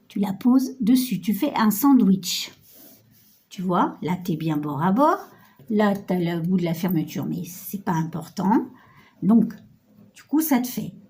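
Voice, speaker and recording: A woman's voice: medium pitch, darkish tone. A middle-aged woman with a stuffy cold, chatty and self-mocking as she talks the viewer through a sewing project on her phone camera. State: nasal with a cold. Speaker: sewing tutorial host. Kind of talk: casual sewing tutorial.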